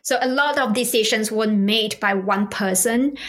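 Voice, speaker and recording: A woman's voice: fairly high pitch, moderate pace, a bit bright. A woman from Malaysia, a guest speaker explaining cultural ideas in a conversational way, with rhetorical questions and many fillers. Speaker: guest expert on cross-cultural business.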